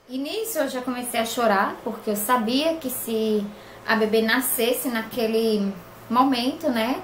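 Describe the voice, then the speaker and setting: A young woman tells a personal story for her vlog, earnest and plainspoken. Her voice sits a little high. The room around her rings noticeably, with a faint background hum. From Brazil. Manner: earnest, plainspoken, emotional retelling. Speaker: crochet vlogger. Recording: echoey room with faint ambience.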